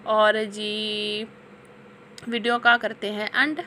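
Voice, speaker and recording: A woman's voice: mid-range voice, flat delivery, slow pace, sharp tone, a little hiss or hum. A woman in her thirties from Pakistan, a mother narrating a family vlog in a chatty voice-over, amused and teasing, often breaking into laughter.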